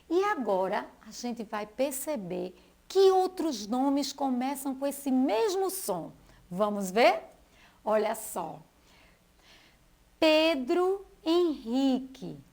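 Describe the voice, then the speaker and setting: A woman teacher with a Brazilian Portuguese accent giving a school TV lesson for young children, slowly stretching out names and syllables. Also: on the high side, vocal fry.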